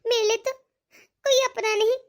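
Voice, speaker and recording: A woman's voice: extremely high pitch, fairly even intonation, measured pace. A woman voicing a self-pitying young married daughter in a cartoon, whining and complaining. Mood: whiny. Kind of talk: cartoon dialogue.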